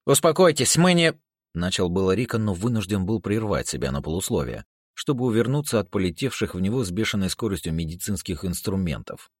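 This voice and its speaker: A man narrating an audiobook chapter in an animated storytelling manner. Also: sits low, quick pace, slightly rough, no room sound, studio quality. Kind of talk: scripted narration.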